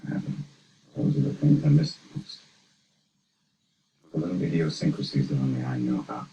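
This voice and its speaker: A very deep, gravelly-low Boston voice for a coarse widowed therapist, plain-spoken and reflective. The sound is a dull, roomy film soundtrack. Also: male voice, huge pitch swings, moderate pace, warm tone, slight background noise, full character voice. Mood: wistful. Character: gruff widowed older male therapist.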